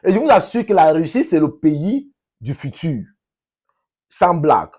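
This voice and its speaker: A man from Cameroon with a Cameroonian French accent, talking casually to his subscribers in an emphatic, repetitive, halting way. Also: a little high, big pitch swings, darkish tone, breathy edge. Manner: emphatic, repeats phrases, halting with restarts. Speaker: vlogger, language teacher.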